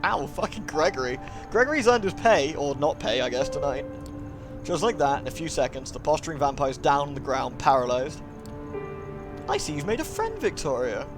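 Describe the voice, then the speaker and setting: A live streamer plays a visual novel, reading its narration aloud dramatically and slipping into playful, chatty asides to his viewers. His voice is on the high side and a little fast, with music playing behind him.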